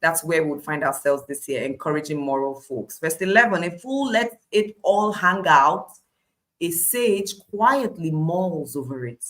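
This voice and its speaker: A woman's voice: sits low, a little slow, fairly bright tone. A woman with a Nigerian accent preaching a devotional Bible study in an emphatic, declarative way, repeating phrases for weight.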